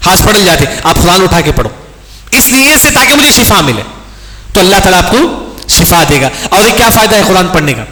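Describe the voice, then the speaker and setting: A high, bright male voice carries through a large mosque hall, with a long echo trailing each phrase. He preaches with emphasis, poses questions to the congregation and answers them himself, and comes back again and again to the reminder to remember. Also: big pitch swings, slight background noise. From India. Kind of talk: sermon.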